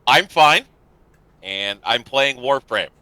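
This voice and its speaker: A man's voice: medium pitch, lively intonation, slow, sharp tone, no room sound. A man in casual gaming chat on a livestream panel, wry and freely profane.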